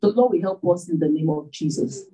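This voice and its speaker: A woman delivers a sermon, pressing her points with repeated rhetorical questions. Her voice is husky and mellow, and she sounds set back from the microphone. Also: fairly low pitch, animated, fairly quick, recorded from a distance, low-quality recording. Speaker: preacher.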